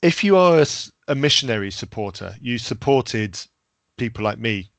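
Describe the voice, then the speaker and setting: A man's voice: medium pitch, lively intonation, normal speed, no echo. A man who grew up in Zambia, a podcast guest speaking frankly and emphatically in casual discussion.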